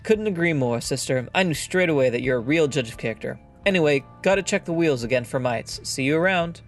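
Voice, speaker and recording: A talkative, mustached wagon mechanic from a fantasy game, read aloud by a man. He confides in a hesitant, fussy way, pitched slightly high. Faint game music plays underneath. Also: lively intonation, fairly quick. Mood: pleased.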